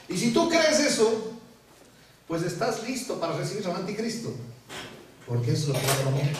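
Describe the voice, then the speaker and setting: A pastor preaching a sermon, telling a story with humor and lively delivery. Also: male voice, on the high side, distant mic, a little hiss or hum. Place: church. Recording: echoey church hall from afar.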